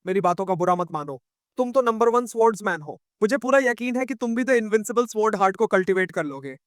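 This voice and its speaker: A man's voice: sits high, animated, fast, no echo, studio quality. A man voicing a sly eight-year-old boy who puts on a mock-innocent, cheeky manner in a narrated manhwa recap. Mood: faux-innocent.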